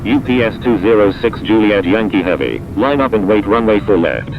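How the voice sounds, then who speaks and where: A man with a low voice and swooping intonation gives air traffic control instructions in set, procedural phrases. The radio sound is dull, with a heavy rumble of noise. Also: animated, normal speed.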